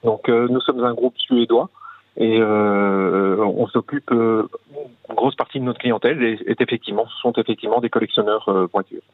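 A man's voice: fairly low pitch, steady tone, moderate pace, no echo. A man giving explanatory interview answers as a company manager who is a guest on radio. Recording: tinny phone line on radio.

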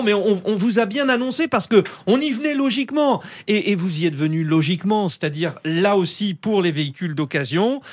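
A man hosting a radio talk show, chatty and loose, with many fillers as he introduces guests. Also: sits high.

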